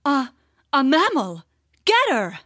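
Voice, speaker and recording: A woman's voice: high voice, huge pitch swings, takes it slowly, fairly bright tone, no room sound, clean studio sound, voice pushed up, full character voice. A woman doing a proud old hooting owl. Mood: alarmed. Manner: hooting, pompous.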